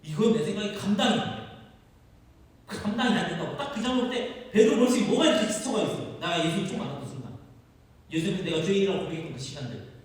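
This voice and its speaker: Male pastor, sermon, lively questioning delivery, higher voice, booming chapel echo. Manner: asks the congregation questions, acts out quotes. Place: university chapel hall. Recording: echoey hall, far from mic.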